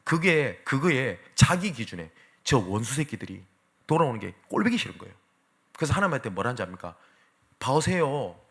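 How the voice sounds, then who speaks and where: A man preaches a sermon in a church, speaking to the congregation and asking them questions. His pitch sits in an ordinary middle range for a man. His voice swings up and down with great animation. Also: sing-song, fairly quick, creaky, bright, forceful tone. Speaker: pastor. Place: church sanctuary.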